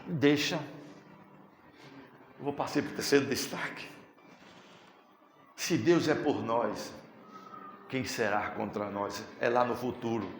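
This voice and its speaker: A man's voice: mid-range voice, slow pace, pauses often, slight background noise. A man preaching a sermon as pastor, with a Brazilian Portuguese accent, talking with swelling, impassioned fervor. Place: church sanctuary. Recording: echoey church hall with music.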